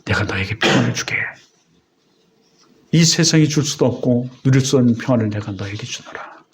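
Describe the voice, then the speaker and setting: A man voicing God as a calm male divine voice, low, hushed and solemn, within a sermon story. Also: fairly quick, slightly rough.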